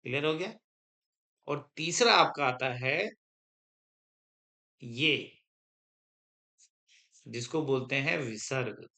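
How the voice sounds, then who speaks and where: Pushed, bright, and gravelly, his mid-range voice carries a grammar lesson as he dictates notes to the class. He moves at a slow pace, repeating points and frequently stopping to ask whether the students understand.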